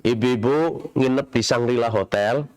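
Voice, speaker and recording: Middle-aged guy preaching in a big mosque, talks real slow, clear smooth voice, keeps asking the crowd stuff. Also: mid-range voice, darkish tone. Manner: slow, explanatory, quizzes the audience. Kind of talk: Quran commentary lecture. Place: large mosque hall.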